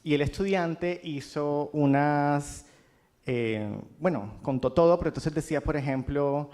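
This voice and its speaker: A man's voice: fairly high pitch, a little slow, darkish tone. A man moderating an author talk in a university room, telling an anecdote with many fillers. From Colombia. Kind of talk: conversational storytelling.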